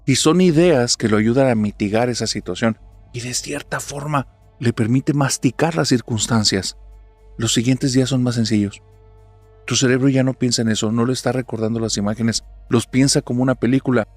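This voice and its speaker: A man's voice: mid-range voice, normal speed, no echo. Man narrating a horror story, dry sound. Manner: dramatic, hushed at tense moments. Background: faint music.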